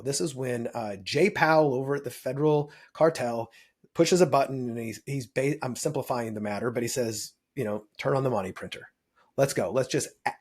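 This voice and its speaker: Husky-voiced man explaining as a podcast guest. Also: medium pitch. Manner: animated, punches key words and tags points with "right?". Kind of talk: explanatory interview talk. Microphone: video podcast mic.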